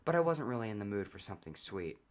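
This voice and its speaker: In a quick, deadpan read, a man with a lowish voice narrates a comic tale in the first person.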